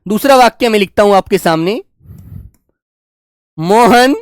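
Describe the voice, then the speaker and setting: A man teaching a grammar lesson, dictating slowly and repeating phrases word by word, fondly reassuring his students. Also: high voice, animated, no room sound, clean studio sound. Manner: fond, reassuring, calls students "dear children". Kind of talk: classroom lesson with slow dictation.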